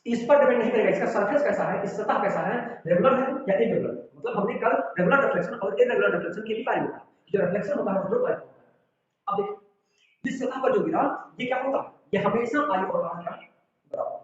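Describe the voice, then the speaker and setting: A man's voice: high-pitched, expressive, quick pace. A man teaching a physics lesson, explaining step by step and checking with students. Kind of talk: classroom lecture. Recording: echoey room, far from the mic, dull sound.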